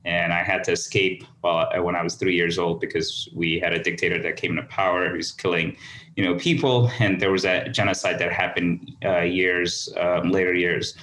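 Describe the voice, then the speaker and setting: A man from Somaliland, raised in the UAE, speaking as a podcast guest on a remote call. He tells his story in a halting, earnest way with frequent restarts. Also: deep voice, little pitch movement, bright, forceful tone. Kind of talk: conversational storytelling. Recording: echoey room over a call.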